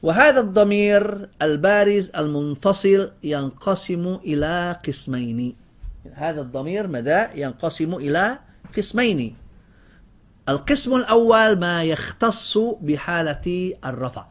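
A man with a high, animated voice takes an unhurried pace through a grammar lesson, drilling his class on word lists and quizzing them. He often breaks off a word and restarts it.

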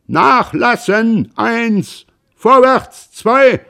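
A man reading aloud and voicing an older father who shouts rowing commands from the stern of a boat. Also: very high-pitched, expressive, extremely slow, gravelly, pitched above the performer's own voice, heavily acted. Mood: shouting commands. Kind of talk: literary reading.

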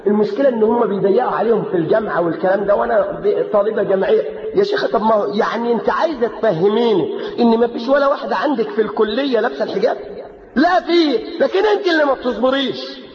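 An Egyptian man delivers a fiery sermon, mocking excuses and rising to shouts. His voice sits high and the words pour out fast. The recording is muffled lo-fi tape with a long, echoing hall reverb. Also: crowd noise. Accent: Egyptian Arabic. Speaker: preacher. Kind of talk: Friday sermon.

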